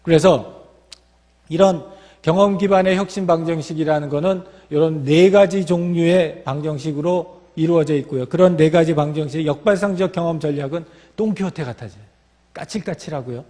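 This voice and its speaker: Male lecturer, explanatory, a bit high, echoing lecture hall. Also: normal speed, mellow. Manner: explanatory, with fillers and restarts. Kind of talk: lecture talk. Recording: long reverb of a hall.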